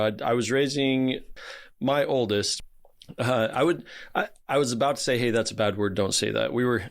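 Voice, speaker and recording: A man hosting a podcast, talking in a reflective, easygoing way. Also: mid-range voice. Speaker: podcast host. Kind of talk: casual podcast conversation.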